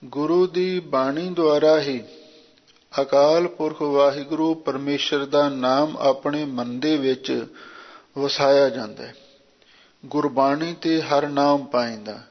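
A man's voice: mid-range voice, fairly even intonation. Give me a muffled male scripture teacher. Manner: measured explanatory, repeating each verse line. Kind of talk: verse-by-verse scripture explanation. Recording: muffled lo-fi recording.

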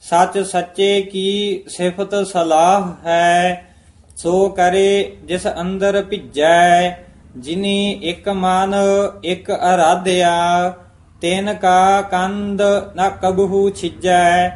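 Male student reciter; very slow, monotone chant, high voice, roomy sound. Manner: very slow, even, chanting delivery.

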